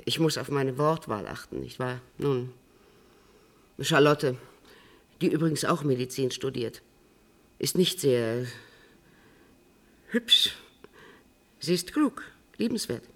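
An actress playing a composed, middle-aged woman held in custody, speaking in a measured, precise way in a radio drama. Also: a bass voice, expressive, full character voice. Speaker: prisoner on remand giving an interview.

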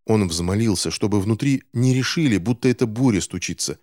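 A man reading a novel aloud in measured scripted narration. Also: fairly low pitch, darkish tone, dry recording. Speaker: audiobook narrator.

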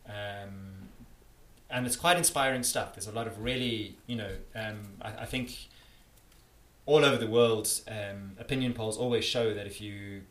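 A South African campaigner being interviewed speaks at a moderate pace in a fairly low, slightly bright voice. He answers with earnest emphasis and often restarts his sentences. Faint noise and echo come through in the recording.

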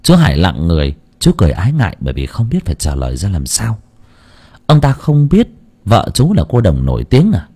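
Deep, expressive male story narrator. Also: brisk, slightly rough.

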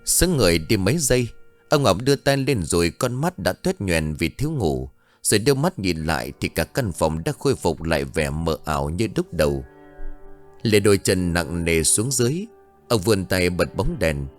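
A man's voice: low voice, very animated, moderate pace. A man narrating a horror ghost story in a dramatic, suspenseful way. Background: faint music.

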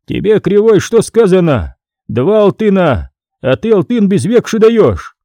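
A man's voice: sits high, big pitch swings, a little slow, mellow, no echo, clean studio sound, voice pushed up, full character voice. A man voicing a harsh, greedy medieval tax scribe who talks down sternly and threateningly.

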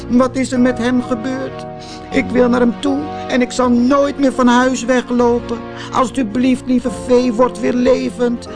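A man's voice: extremely high pitch, voice pushed up. A man voicing a young wooden puppet boy who sobs and pleads, in a storybook reading with music behind. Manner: sobbing, pleading.

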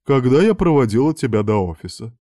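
A man's voice: mid-range voice, very animated, fairly quick, dark tone, dry recording, clean studio sound, voice pushed up, close to an everyday voice. A man voicing a bossy, teasing young woman student in a read-aloud story, with a pushy, mocking manner.

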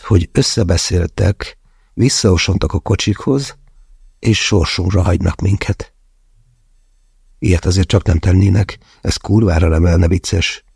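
Low, husky male audiobook narrator. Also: a little mellow, dry recording, clean studio sound. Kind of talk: first-person thriller narration.

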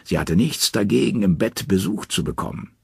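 A man's voice: lowish voice, animated, moderate pace, gravelly, darkish tone, husky, no echo, clean studio sound, full character voice. A man voicing a sly, boastful male trickster god who chirps and whines in an audiobook. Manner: chirping, mocking, whining when threatened. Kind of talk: audiobook character voice.

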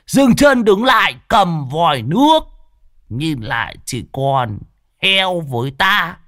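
A man voicing a tipsy old ghost-hunting master who grumbles in a low, mumbling way. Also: big pitch swings, takes it slowly, a bit bright, no echo, studio quality, exaggerated voice. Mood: mock recital.

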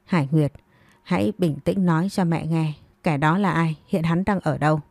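A woman's voice: low voice, normal speed, vocal fry, a little mellow, no room sound. A woman voicing a stern, anxious middle-aged mother who questions her daughter insistently.

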